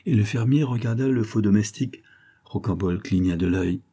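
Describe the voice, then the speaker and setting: A man reading a classic novel aloud as an audiobook narrator, in a measured storytelling manner. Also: fairly low pitch, mellow, breathy edge.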